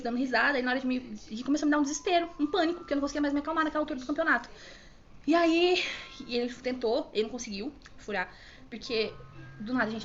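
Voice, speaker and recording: Young woman rushing through an emotional story. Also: high-pitched, muffled recording. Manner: rapid, emotional, many fillers and restarts. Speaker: vlogger telling her birth story.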